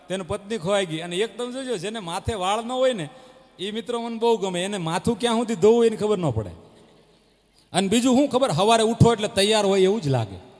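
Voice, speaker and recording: A high-pitched man works a crowd from the stage, telling jokes. He slips in and out of the people in his stories and barks like a dog. His voice runs through a stage PA with a long reverb trailing behind it. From Gujarat, India. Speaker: stage comedian at a devotional folk gathering. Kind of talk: live stand-up joke telling. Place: live stage before a crowd.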